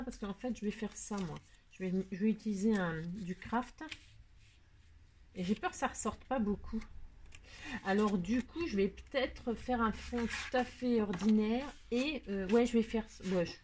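Chatty woman rambling through a craft tutorial. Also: mid-range voice. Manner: rambling, self-mocking, talks straight to viewers with many asides. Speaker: card-making tutorial host. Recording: noisy home recording.

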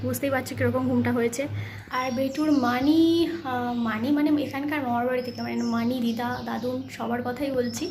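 A young woman vlogging in a casual chat, talking softly and quietly so her sleeping baby is not woken. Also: a little high, steady tone, a little fast, a little hiss or hum. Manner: hushed, soft-spoken so the baby can sleep.

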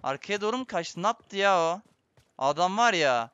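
A man's voice: high voice, moderate pace, clear, resonant tone, no room sound, lo-fi sound. A young man commenting live on his own gameplay for viewers, muttering his plans and then bursting out in frustration. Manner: excitable, swings between muttering and frustrated outbursts; addresses viewers constantly. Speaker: gaming streamer.

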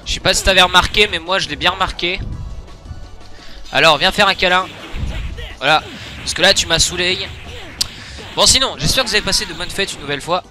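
A man's voice: sits high, fairly quick, long pauses, sharp tone, soft background music. A young man giving casual let's-play commentary, joking and trash-talking the game with crude humor. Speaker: gaming YouTuber.

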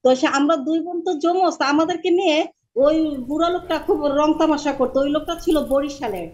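Woman from Barishal on a video call, very high voice, chatty storyteller. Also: fast, darkish tone. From Barishal, Bangladesh. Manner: chatty storyteller, repeats herself. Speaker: call-in guest. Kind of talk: casual chat on a video call.

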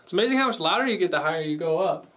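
A music producer vlogs casually from his home recording studio with a mixing desk, chatty, playful, and joking at his own expense. He talks in a high, animated, rapid-fire voice with a fairly bright tone, over soft background music, recorded on a distant mic with faint background noise.

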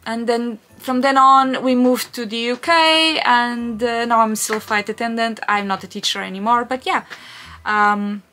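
In a casual Q&A, a Portuguese woman in her thirties, a vlogger, chats in English with a Portuguese accent, full of fillers and restarts. Her voice is a little high, bright and forceful, with a steady tone at a normal speed. Soft music plays in the background.

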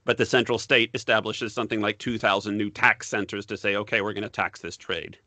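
A man, a professor being interviewed, explaining history in a measured way and repeating words as he thinks. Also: on the low side, steady tone, sharp tone, dry recording. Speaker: guest, political science professor. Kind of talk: academic interview.

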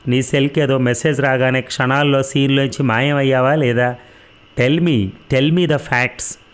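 A man's voice: medium pitch, fairly even intonation, unhurried, clean tone, lightly acted. A man reading an audiobook, voicing a harsh male police interrogator who taunts and threatens. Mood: taunting.

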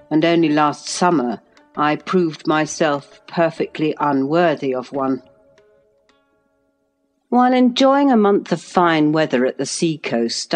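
A woman narrating a classic novel aloud in a measured, even literary reading. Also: low voice. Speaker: audiobook narrator.

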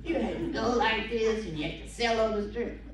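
Breathless older Southern woman, echoey distant room. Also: on the high side. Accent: Southern American. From southern United States. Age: 70s or older. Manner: folksy, unhurried, with pauses and acted-out quotes. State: short of breath. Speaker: guest speaker at a local history talk. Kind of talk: informal reminiscing storytelling to an audience. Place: meeting room with seated audience, phone camera from the audience. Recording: echoey, noisy room recorded from afar.

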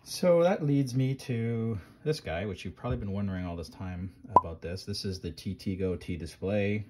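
A man's voice: fairly low pitch, normal speed, darkish tone. A man at his workbench casually showing microcontroller boards, rambling with lots of ums and restarts. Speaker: maker reviewing microcontrollers. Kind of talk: casual hands-on tech demo.

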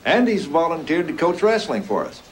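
A middle-aged actor playing a genial, self-deprecating school principal who chats easily. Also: male voice, a little high, big pitch swings, fairly quick, slight background noise, rough recording. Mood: amiable.

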